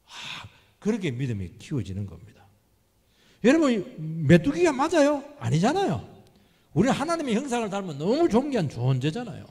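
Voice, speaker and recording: Male pastor, husky and fairly high, delivering an emphatic sermon in a reverberant church hall. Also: wildly swooping pitch, fairly quick, darkish tone. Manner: emphatic preaching, asking the congregation questions. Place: church sanctuary.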